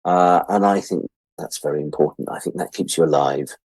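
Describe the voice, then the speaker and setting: A rumbling low, husky voice that is brisk and a little mellow, with no echo, comes from a British interview guest around sixty. A freelance media producer, he talks casually and reflectively with candid, wry humor and a habit of repeating words for emphasis.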